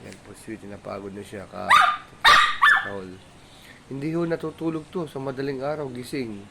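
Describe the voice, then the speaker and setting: A man filming his pet dog at home, gently coaxing it and chatting about its habits. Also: medium pitch, moderate pace, vocal fry. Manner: soft coaxing talk to the dog, mixed with chatty explaining. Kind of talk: casual home vlog, talking to a dog. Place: home, indoors. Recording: noisy home recording with a dog.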